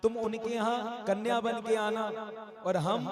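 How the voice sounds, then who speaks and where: A man's voice: high voice, fairly even intonation, unhurried. A male preacher voicing a young divine prince who frets over a plan and then gives orders, within a devotional story. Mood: instructing. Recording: echoey hall with music behind.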